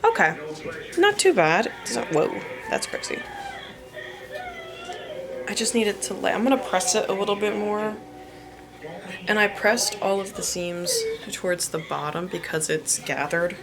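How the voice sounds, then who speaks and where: A woman's voice: mid-range voice, big pitch swings, measured pace, pauses often. A young woman from New Jersey, chatting casually and rambling through a sewing voiceover, with lots of "like" as she talks. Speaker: sewing and cosplay vlogger.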